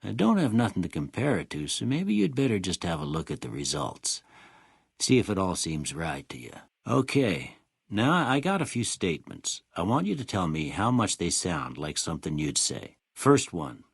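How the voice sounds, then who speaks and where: A kindly old frontier doctor for a video game, low and husky. He speaks in a plainspoken rural Western American drawl that swings freely up and down. The delivery is folksy and wry, in a close, dry recording. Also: wildly swooping pitch, normal speed, no room sound, full character voice. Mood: calm, measured. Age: older. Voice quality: raspy, gravelly. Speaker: voice actor. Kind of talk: video game character dialogue.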